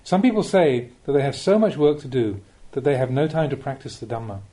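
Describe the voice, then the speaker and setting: Reading a spiritual teaching from a script as an audiobook, this male Buddhist monk speaks with careful, deliberate pacing and poses rhetorical questions. His mid-range voice is expressive and dark in tone.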